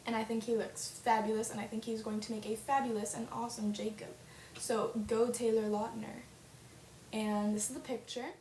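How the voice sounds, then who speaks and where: With a somewhat high, mellow voice and level tone, this young fan vlogger chats at a moderate pace, gushing and using lots of fillers. The webcam sound is roomy and carries a faint hiss.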